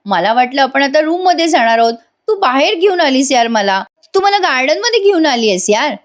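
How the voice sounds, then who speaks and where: A woman's voice: high voice, animated, fairly quick, pitched above the performer's own voice. A woman voicing a young male lawyer who teases his wife and bosses his friend, in a recap voice-over. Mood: playful. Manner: bossy and playful. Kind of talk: recap voice-over reading of a soap scene.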